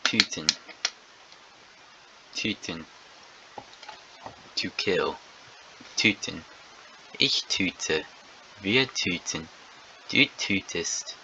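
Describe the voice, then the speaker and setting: A man teaching a lesson, drilling verb conjugations word by word and repeating each one deliberately, with an occasional slip. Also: deep voice, animated, dull audio, background noise. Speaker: language teacher.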